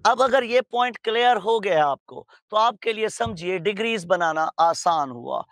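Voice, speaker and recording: A male grammar lecturer from Pakistan teaches in a studio with no room sound, mixing Hindi and English. His voice sits high, animated and a bit bright, and he stretches out key words slowly and poses rhetorical questions.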